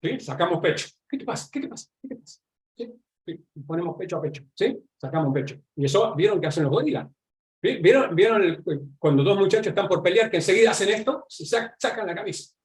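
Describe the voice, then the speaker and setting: Argentine male lecturer, slightly raised pitch, chatty and explanatory, checks in with listeners constantly. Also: animated, fast. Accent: Argentine Spanish. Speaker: lecturer on nonverbal communication. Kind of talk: live online class lecture.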